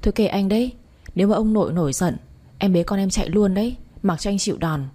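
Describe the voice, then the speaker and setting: A woman's voice: medium pitch, quick pace, mellow, natural voice. A woman voicing a spirited young mother in a story, pert and a little defiant. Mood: anxious.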